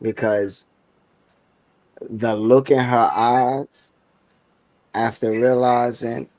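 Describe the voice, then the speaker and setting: New dude on stream, chill and joking, dry close mic, mid voice. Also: male voice, medium pitch, steady tone, extremely slow, dry recording. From New York City. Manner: laid-back, joking, greets chat loudly. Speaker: streamer guest. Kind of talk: casual chat on a live stream.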